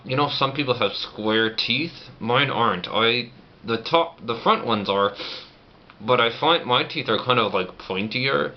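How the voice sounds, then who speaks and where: Low-voiced man talking through banded-shut jaw. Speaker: vlogger. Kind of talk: casual personal vlog chat. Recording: muffled lo-fi audio, clear background noise.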